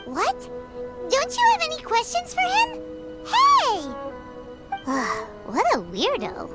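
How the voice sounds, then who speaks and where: A woman voicing a small, childlike, excitable fairy companion in a video game, with a tiny squeaky voice and an inquisitive, exclamatory manner. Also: takes it slowly, full character voice. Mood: incredulous. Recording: game music behind the voice.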